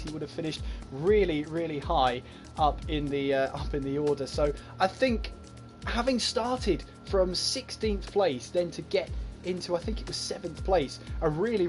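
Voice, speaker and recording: A man's voice: a little high, darkish tone. A man hosting esports race commentary, talking in a chatty, breathless way with frequent fillers. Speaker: lead commentator and host.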